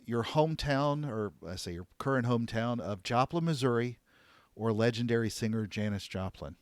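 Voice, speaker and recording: A man hosting a podcast, asking playful this-or-that questions and then giving a measured recap of advice. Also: medium pitch, clean tone, no room sound. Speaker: podcast host. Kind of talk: casual interview and scripted recap.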